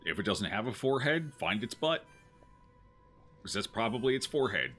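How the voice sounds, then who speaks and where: A man's voice: on the low side, big pitch swings, moderate pace, fairly bright tone, faint music behind. A man hosting a gaming video, giving casual, wry and joking commentary as he plays.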